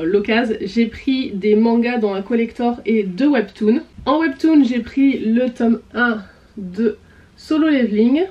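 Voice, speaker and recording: A woman's voice: a little high, a little mellow, dull audio. A woman vlogger chatting casually about her books, with many fillers and a voice she says she is losing. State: losing her voice, clearing throat. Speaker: book vlogger. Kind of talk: casual chat.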